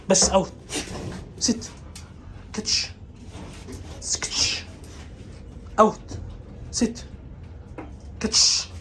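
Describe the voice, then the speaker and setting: A man's voice: high-pitched, a bit bright, slight background noise. A man with an Egyptian Arabic accent, a dog trainer vlogging and giving his dog short, repeated commands.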